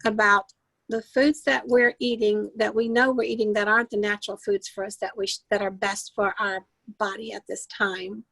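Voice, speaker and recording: A woman's voice: mid-range voice, little pitch movement, moderate pace, gravelly, fairly bright tone, husky, dry recording, low-quality recording. Inquisitive woman with a dry close sound. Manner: inquisitive, repeats and rephrases to clarify. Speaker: co-host interviewer. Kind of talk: casual conversational interview.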